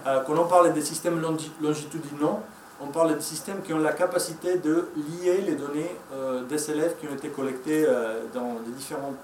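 Speaking a little fast with few pauses, this native Spanish speaker with a Spanish accent presents at a conference, stumbling through fillers and restarts. His voice sits on the high side, steady and slightly mellow. A faint hiss or hum accompanies the far-off mic in an echoey conference room.

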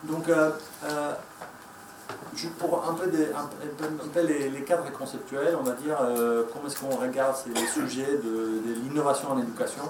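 A Spanish-accented man, Spanish being his native tongue, delivers a halting conference talk with many restarts and fillers. His medium pitch and flat delivery come at a moderate pace, picked up by a far-off mic in an echoey room with noisy background.

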